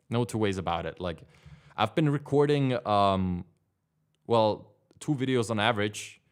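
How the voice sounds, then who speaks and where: A young man in his twenties hosting a casual livestream from his desk, rambling and leaning on fillers as he answers chat. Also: lowish voice. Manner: rambling, filler-heavy, lots of "like". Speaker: livestream host. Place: home studio desk.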